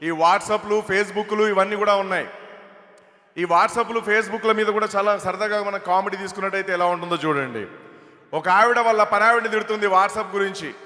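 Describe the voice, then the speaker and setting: A mimicry artist on stage telling jokes in a chatty way, through a microphone in a large hall. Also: male voice, sits high, normal speed, bright, forceful tone. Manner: chatty, jokey setups. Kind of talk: stand-up comedy on stage. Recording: long hall reverb over PA.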